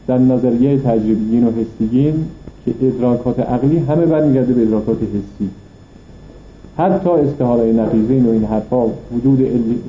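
A man's voice: medium pitch, roomy sound, muffled recording, a little hiss or hum. A man teaching a philosophy lesson, reading passages from a text and explaining them point by point with rhetorical questions. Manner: reads Arabic passages then explains them in Persian. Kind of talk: classroom lecture reading and explaining an Arabic text.

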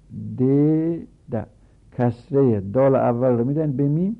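A man with a gravelly, husky voice teaches a grammar lesson, running through verb conjugations one form after another. The audio is thin and phone-like. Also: mid-range voice, fairly even intonation. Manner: recites verb forms in rapid lists.

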